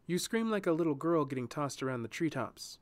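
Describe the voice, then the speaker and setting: A terse young woman in an audiobook story, her lines clipped, low and dry, as a male narrator puts her on. Her sharp-tongued, no-nonsense temper comes through in a lively voice that rises and falls. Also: fairly quick, lightly acted. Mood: dry, curt.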